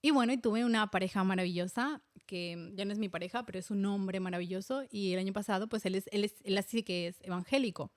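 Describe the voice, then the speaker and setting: A woman's voice: mid-range voice, fast talker, hardly any pauses, dry recording. Spanish woman in her 30s, personal podcast chat, candid and thoughtful, dry close mic. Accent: Spanish from Spain. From Spain. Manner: candid, confessional, many fillers and restarts. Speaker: podcast host. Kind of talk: personal reflective monologue.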